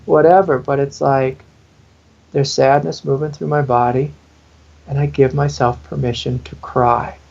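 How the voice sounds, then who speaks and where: A man's voice: medium pitch, level tone, a little slow, creaky, a little mellow, dull audio. A man who is a spiritual teacher, answering in an interview in an earnest, intimate way and sometimes acting out the inner voices he describes.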